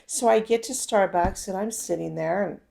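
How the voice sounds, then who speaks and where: Woman, personal storytelling, conversational, speaks to listeners directly, mid-pitched voice. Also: normal speed, creaky, warm tone. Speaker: self-help speaker.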